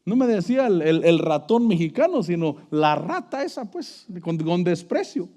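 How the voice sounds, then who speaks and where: A man's voice: high-pitched, big pitch swings, moderate pace, warm tone. A middle-aged man preaching a sermon, emphatic and storytelling, calling listeners brother.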